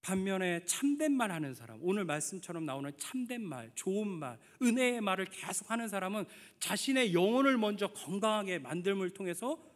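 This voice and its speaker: Male pastor, middle-aged, expressive sermon delivery, long church reverb. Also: high voice, brisk, hardly any pauses. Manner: emphatic, asks the congregation questions, tells family anecdotes. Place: church sanctuary.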